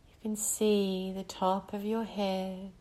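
A woman guiding a meditation in an unhurried, gentle cadence. Her voice sits mid-range with a mellow, dark warmth, and she leaves long, calm pauses between phrases. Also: medium pitch. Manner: slow, soothing, with long pauses. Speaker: meditation guide. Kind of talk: guided meditation.

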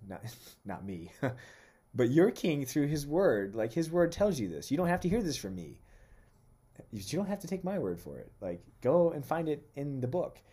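A male preacher teaching in a sermon-style podcast, his voice warm and mellow with a husky edge. He swings his pitch up and down freely, tossing in playful asides and slowing down when he reads scripture aloud. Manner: animated, with playful mock reactions and asides; slows down to read scripture aloud.

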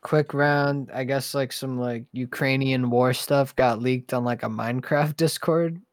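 A man's voice: mid-range voice, fairly even intonation, moderate pace, no echo, clean studio sound. A young man hosting a casual podcast chat, talking in a loose, rambling, slangy way. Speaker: podcast host.

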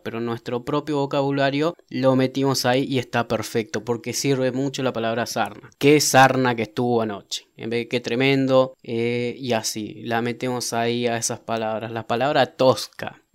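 A young man from southern Argentina with a local Argentine accent, chatting quickly about local slang and swallowing his S sounds. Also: mid-range voice, smooth, no room sound. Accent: Argentine Patagonian Spanish. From Comodoro Rivadavia, Argentina. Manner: fast-talking, drops his S sounds, playful. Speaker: host explaining local slang. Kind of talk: casual explanatory monologue.

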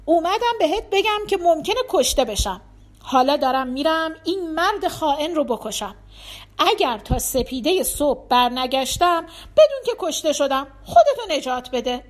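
Woman doing brave hot-headed thief hero, storybook, urgent and heated, high voice. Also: very animated. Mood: angry resolve. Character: brave loyal male thief, fierce and angry.

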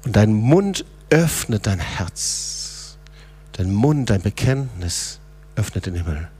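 A middle-aged man preaching a sermon, moving between quiet low passages and raised, urgent calls. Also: sing-song, slow pace, slightly rough.

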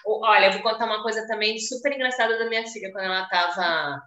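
A woman with a Carioca accent from Rio, chatting casually as podcast co-host and telling stories with lively swings in pitch. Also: quick pace, reverberant, muffled recording, a little hiss or hum. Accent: Carioca Brazilian Portuguese. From Rio de Janeiro, Brazil. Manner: animated, swooping pitch when telling stories. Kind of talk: casual chat.

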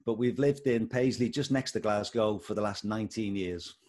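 An older man from England with a Liverpool accent, a schools coordinator, chats casually as an interview guest about his life and work. His voice is fairly low and darkish, at a moderate pace.

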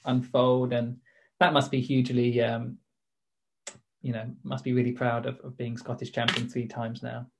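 A man's voice: medium pitch, monotone, moderate pace, gravelly, slightly rough. A man works through informal interview questions. His manner is tentative, and he rephrases as he goes.

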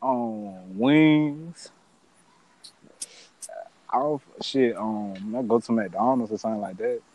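A man with an American accent chatting casually as a guest, unsure and halting, with slang and swearing. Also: on the low side, a little mellow, low-quality recording. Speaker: podcast guest.

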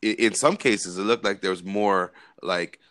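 Host, man from California, lowish voice, halting and filler-heavy, close dry sound. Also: a bit bright, dry recording. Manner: hesitant, many fillers. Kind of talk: casual conversation.

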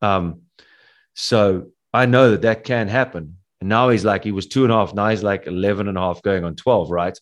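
A man's voice: lowish voice, normal speed. A man in his forties hosting a podcast, talking earnestly and philosophically about parenting and being present. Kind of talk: reflective casual chat.

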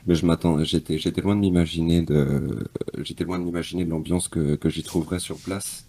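A man with an extremely low, suave voice talks casually as a caller. He explains things in a conversational way, often repeating a phrase as he builds his point. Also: steady tone, fairly quick, mellow. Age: adult, past his teens. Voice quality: deep, suave, smooth low voice. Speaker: esports fan calling in. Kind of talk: casual chat.

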